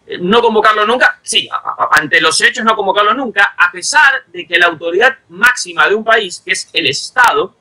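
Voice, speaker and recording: A man's voice: sits high, expressive, normal speed, hardly any pauses, sharp tone, poor audio. A man, a journalist from Ecuador, arguing insistently in a heated football debate, pressing points with repeated rhetorical questions. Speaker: journalist panelist.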